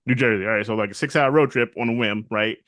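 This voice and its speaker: Animated man recapping a TV episode. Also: mid-range voice, fast, dry recording. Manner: animated, acts out characters' lines in quotes. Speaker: podcast co-host. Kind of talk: casual TV recap chat.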